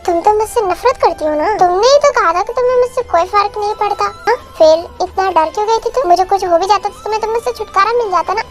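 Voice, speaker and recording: A cocky, teasing young husband in a homemade romance dub, played by a woman. The voice sits very high even when lowered for the role, and calm, smug lines run over music playing underneath. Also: fast talker, few pauses. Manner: teasing, calm, a bit lower than her own voice. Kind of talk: Hindi fan dub of a romance.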